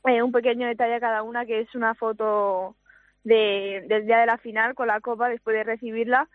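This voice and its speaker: A woman's voice: on the high side, little pitch movement, brisk, dry recording, narrow, tinny audio. A teenage girl from Spain, a footballer, talking hesitantly over the phone in a radio interview and laughing often. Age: teens. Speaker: youth footballer guest. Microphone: phone line.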